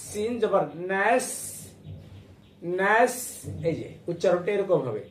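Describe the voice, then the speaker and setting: A man with a Bangladeshi accent gives a Quran recitation lesson in a slow, deliberate drill, sounding out each letter and syllable again and again. His voice sits high and carries a roomy echo. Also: big pitch swings, slight background noise. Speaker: Quran teacher. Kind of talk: recorded recitation lesson, spelling out Arabic letter by letter.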